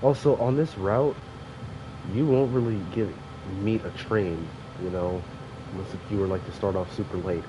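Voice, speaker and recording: The speaker is a young man with allergies, sniffling as he loosely rambles through commentary on a train sim game, leaning on fillers and frequently correcting himself. He speaks at a normal speed in a fairly low pitch with a steady tone. A dull lo-fi mic captures him along with clear background noise.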